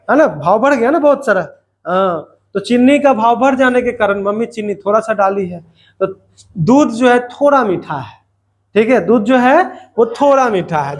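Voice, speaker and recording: A man's voice: high voice, slight background noise. A man teaching a grammar lesson to students, repeating points and asking questions that he answers himself, with playful asides.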